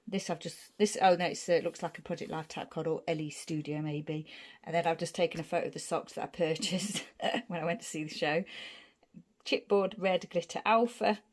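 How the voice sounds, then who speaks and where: A woman's voice: fairly low pitch, fairly quick. A woman casually showing her scrapbook layouts, rambling from one piece to the next as she describes the materials. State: out of breath. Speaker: scrapbooking vlogger. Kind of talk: casual craft show-and-tell.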